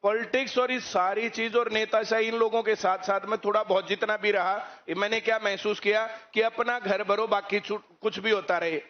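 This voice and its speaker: A man's voice: high voice, fairly even intonation, moderate pace, hardly any pauses. A man, a coaching teacher who lectures students on current issues and keeps asking rhetorical questions. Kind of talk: speech to students. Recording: muffled lo-fi recording.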